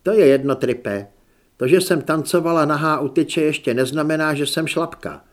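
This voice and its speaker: A man's voice: on the high side, close to an everyday voice. A man voicing a blunt, scolding tough young woman. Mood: curt.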